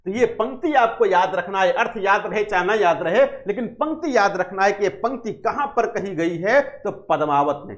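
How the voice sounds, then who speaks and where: Lively high-voiced male Hindi teacher. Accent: Hindi of Uttar Pradesh. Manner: animated, rhetorical questions answered himself, repeats key points; recites verse slowly and drawn out. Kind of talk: exam-prep literature lecture.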